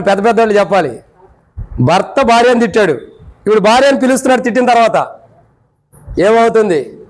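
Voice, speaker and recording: A man preaching a sermon as a pastor, firing rhetorical questions at the congregation and swinging from raised pleading to low quiet asides. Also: poor audio.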